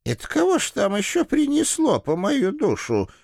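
A shrill, crackly old landlady who scolds in rustic, threatening turns, put on by a man reading a storybook. Her voice sits high and leaps all over, with a gravelly fry. The sound is close and dry. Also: wildly swooping pitch, moderate pace, a little mellow, no echo, exaggerated voice. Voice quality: shrill, creaky old-woman voice. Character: cantankerous old village landlady with a shotgun.

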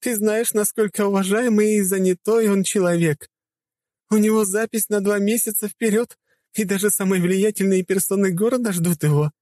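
A man voicing a scornful young female secretary with a shrill, mocking manner. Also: steady tone, normal speed, mellow, no echo, clean studio sound, natural voice.

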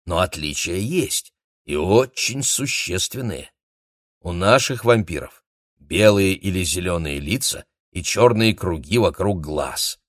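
A man's voice: sits low, animated, a little slow, no echo, studio quality. A man reading a storybook, voicing a wry, grumpy older uncle who lectures at length.

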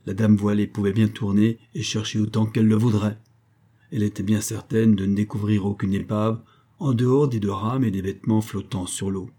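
A man reading an old adventure novel aloud in steady, measured narration. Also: on the low side. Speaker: audiobook narrator.

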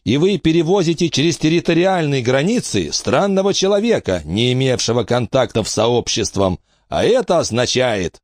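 A man's voice: medium pitch, sing-song, moderate pace, hardly any pauses, dry recording, clean studio sound, voice pushed up. A man voicing a stern, menacing male gang leader. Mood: frustrated. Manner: stern, threatening.

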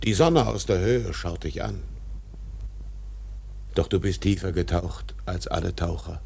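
An actor in a radio drama playing an obsessed, tyrannical older whaling captain, declaiming grandly in a gravelly, husky voice. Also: male voice, low voice, measured pace, darkish tone, heavily acted. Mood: brooding, solemn. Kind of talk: literary radio drama acting.

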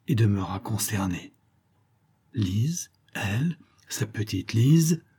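A man narrating a short story as an audiobook, measured and expressive. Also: mid-range voice, slightly rough.

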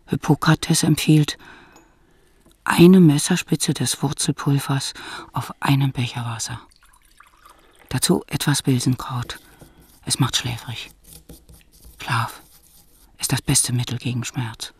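A man narrating a radio play in a quiet, reflective way. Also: medium pitch, fairly even intonation, takes it slowly, pauses often, slightly rough, heavily acted.

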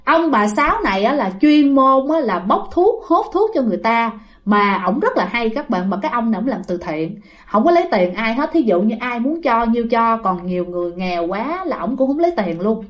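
A woman's voice: a little high, sing-song, fairly quick. A woman with a Southern Vietnamese accent casually telling a ghost story, chatty and talking straight to her listeners. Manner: chatty, addresses listeners directly, many fillers.

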